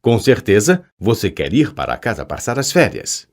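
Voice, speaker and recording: A man voicing a frail, kindly old male headmaster with a weak, gentle voice in an audiobook. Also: fairly low pitch, big pitch swings, normal speed.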